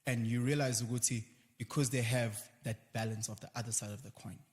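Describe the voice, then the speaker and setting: A South African man appears as a guest in a casual conversation, talking animatedly and slipping into quick quoted voices to make his points. His pitch is ordinary and his intonation fairly even, and a long reverberant tail trails every word.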